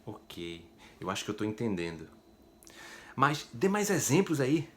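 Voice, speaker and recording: A man's voice: medium pitch, big pitch swings, measured pace. A man voicing a skeptical male student who asks doubtful questions in a language lesson. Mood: curious.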